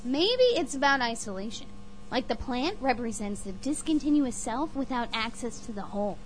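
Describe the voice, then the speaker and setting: An actress playing an earnest, stubborn young daughter with a pleading, thoughtful manner in an audio drama. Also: female voice, a little high, lively intonation, normal speed, a little hiss or hum, close to an everyday voice.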